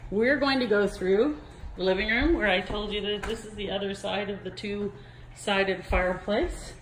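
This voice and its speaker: A woman's voice: medium pitch, moderate pace, slight background noise. A real estate agent walking through a large house, chatting as she points out rooms and getting a little out of breath. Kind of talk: walking house tour narration.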